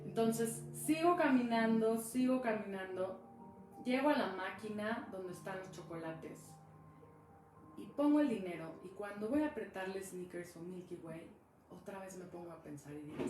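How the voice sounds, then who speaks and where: A woman's voice: medium pitch, expressive, moderate pace, darkish tone. Chatty woman in an echoey room. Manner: chatty, acts out dialogue in the story. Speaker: speaker sharing a personal experience. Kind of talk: casual storytelling on a live stream. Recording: echoey room with music behind.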